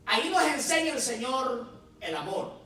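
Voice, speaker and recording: A man preaching a sermon, pausing for effect and acting out quotes in his own voice. He stands well back from the microphone in a roomy, echoing church hall, and music plays underneath. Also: very high-pitched, very animated, sharp tone, recorded from a distance. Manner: preaching with dramatic pauses and acted quotes. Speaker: pastor. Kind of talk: Spanish-language sermon. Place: church sanctuary.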